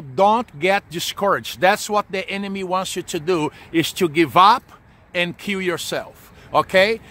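A man in his forties, with a high, bright and forceful voice, preaches informally to camera beneath a leafy tree. His earnest talk of encouragement is repetitive, dotted with quick check-ins such as "okay" and "amen."

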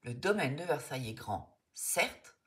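A woman doing a calm, composed boy. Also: deep voice, unhurried.

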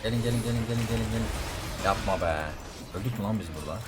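A young man streaming a game, reacting live in quick excitable outbursts and often repeating words. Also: on the low side. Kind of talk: live gameplay commentary.

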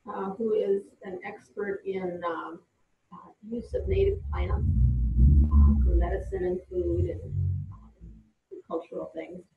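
A woman's voice: on the low side, creaky. Woman on a muffled conference call. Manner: hesitant, with many fillers. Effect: conference call audio. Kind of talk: casual group voice chat on a conference call. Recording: muffled, echoey, distant call audio with faint hiss.

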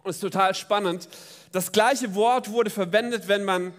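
A man preaching a lively sermon at a baptism service, speaking directly to his congregation in a church. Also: high-pitched, moderate pace. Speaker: pastor. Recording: long church reverb.

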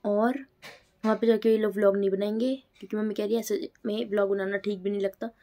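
A woman's voice: mid-range voice, steady tone, fast talker, mellow. A young woman chatting casually to her viewers at home in a teasing, talkative home vlog. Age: young adult. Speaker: vlogger.

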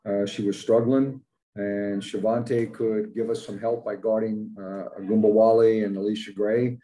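Speaking at a normal speed with fairly even intonation, this older male basketball head coach has a low, mellow tone. He gives plain-spoken, matter-of-fact postgame press conference answers packed with fillers, talking into a desk webcam on a video call indoors before a logo backdrop. The recording is rough.

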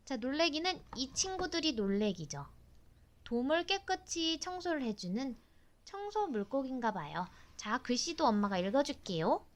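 Mother reading to a toddler: high, very lively female voice, sing-song, playful questions. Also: normal speed. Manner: exclaiming and sing-song, child-directed, polite simple sentences. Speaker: mother reading a picture book to her young child.

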